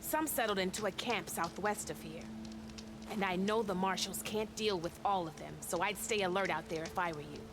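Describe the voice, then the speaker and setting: A woman's voice: mid-range voice, normal speed, over music, close to an everyday voice. An actress voicing a wary, tough female clan scout in a video game, talking bluntly and matter-of-factly. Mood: warning. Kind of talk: game character dialogue. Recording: game audio heard with background noise.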